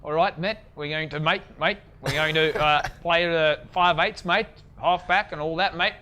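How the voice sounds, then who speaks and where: A man's voice: fairly high pitch, steady tone, moderate pace, sharp tone. A man mimicking a New Zealand rugby player in a mock New Zealand accent, exaggerated and laughing through it. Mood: teasing.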